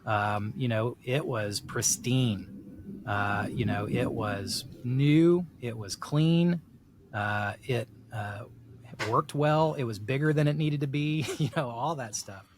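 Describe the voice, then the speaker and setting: Slow and medium-pitched, a middle-aged man from South Texas muses through ideas on a podcast, his reflective rambling full of "you know" fillers. There's slight background noise in this casual discussion.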